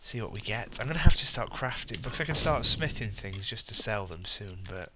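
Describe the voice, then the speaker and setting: Low-voiced British man playing a game. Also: lively intonation, a little fast, heavy background noise. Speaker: gamer, let's play host. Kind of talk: casual gameplay commentary. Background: game music.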